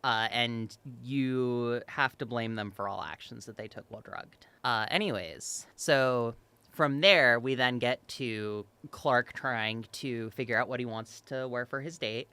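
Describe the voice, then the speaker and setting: Bright, animated podcast co-host. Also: medium pitch, a little slow, smooth, no room sound. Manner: animated, laughs often, swears casually. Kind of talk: casual chat.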